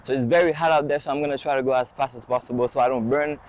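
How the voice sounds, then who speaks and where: A man giving an excited, casual car walkaround review outdoors at a dealership, a little out of breath in the heat. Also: mid-range voice, racing, highs cut off. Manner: excited, enthusiastic hype talk.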